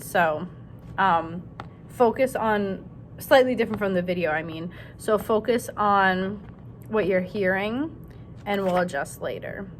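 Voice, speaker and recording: A music teacher gives her students a casual singing lesson, chatting and correcting herself while she demonstrates by singing syllables. Her voice is medium-pitched and a bit bright, with slight background noise.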